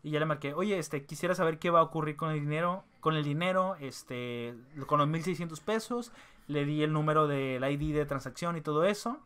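A young Mexican man tells a long story to his vlog audience in casual, slangy speech, stopping often for fillers and restarts. His voice sits a little high and sounds bright and forceful. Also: a little fast, clear, resonant tone. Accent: Mexican Spanish. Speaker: vlogger.

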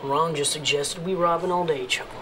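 A young actor playing an exasperated, sensible teenage son who is quick to object. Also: male voice, on the high side, fairly even intonation, noisy background, close to an everyday voice.

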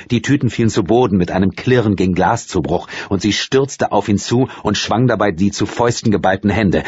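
A man with a low, husky voice narrates a thriller audiobook evenly. The recording is dry and close. Its sound is somewhat dull. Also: dry recording. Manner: even, descriptive storytelling.

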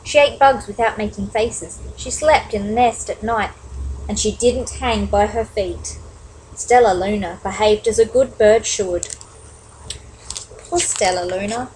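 A woman reading a children's picture book aloud, expressive, with chatty asides to young listeners. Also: mid-range voice, unhurried, a little hiss or hum, poor audio. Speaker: storybook reader. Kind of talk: children's story read-aloud.

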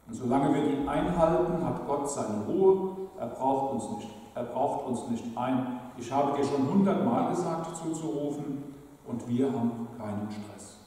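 Guy preaching a sermon, mellow voice, big echoey church, mic far off. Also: mid-range voice. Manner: measured, emphatic preaching with pauses. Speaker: lay preacher. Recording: echoey church recorded from afar.

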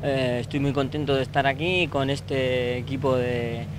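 Calm man from Andorra outdoors. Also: mid-range voice, normal speed, noisy background. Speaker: sailing crew member. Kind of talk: casual interview. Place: outdoors on a sailboat deck in a harbor.

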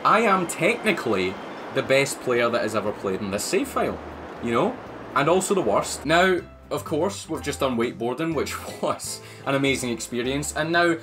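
Lively joking male game commentator. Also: mid-range voice. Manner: jokey, exclaims at the screen. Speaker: gaming YouTuber. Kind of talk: playful let's-play commentary.

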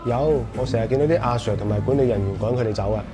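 A man with a Cantonese accent talks quickly and wryly as he tours a street at night, teasing his companion and offering opinions. His voice sits at a middle pitch. Loud bar music thumps behind him. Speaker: vlog host. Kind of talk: walking tour commentary. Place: busy nightlife street outdoors. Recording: music blaring from street bars.

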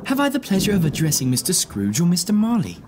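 An earnest gentleman, collecting for charity in an audio drama. His fairly high voice is formal and courteous with lively intonation, over faint noise. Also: quick pace.

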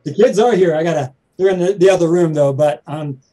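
A man with a Southern accent hosting a talk show, high-energy and joking, rattling off excited introductions. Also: brisk. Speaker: host and stand-up comedian.

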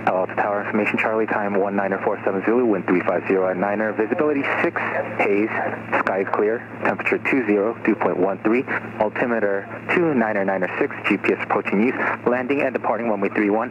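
A man reading a recorded airport weather broadcast, heard over an aircraft radio, reciting figures and runway instructions in an even, steady way. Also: lowish voice, quick pace. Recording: muffled radio with loud engine noise.

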